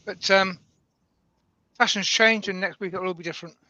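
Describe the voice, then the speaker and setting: A man's voice: sits high, fairly even intonation, moderate pace, pushed and bright, no echo. A man hosting a woodturning live stream over a call, hesitant and self-mocking, with lots of ums. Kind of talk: casual live-stream chat.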